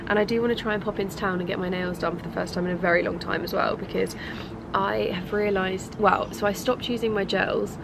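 Speaking fairly quickly in a steady, creaky, medium-pitched voice, a young British woman with congestion chats informally to camera. She's a lifestyle vlogger rambling on an outdoor balcony, with noise in the background.

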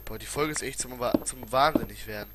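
A man's voice: medium pitch, brisk. A man giving casual gameplay commentary as a let's player, muttering and grumbling in colloquial exclamations. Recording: clearly noisy home recording with clicks.

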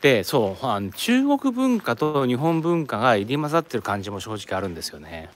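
With big pitch swings in a mid-range voice, a slightly fast-talking live streamer from Japan, an office worker in Korea, wanders an outdoor tourist site. He rambles casually and responds to viewer comments.

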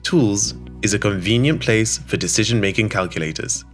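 A man with a slightly low voice narrates a scripted promo in an even, polished studio read. Soft music plays quietly behind him. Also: moderate pace. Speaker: voice-over narrator. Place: studio voice-over. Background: soft background music.

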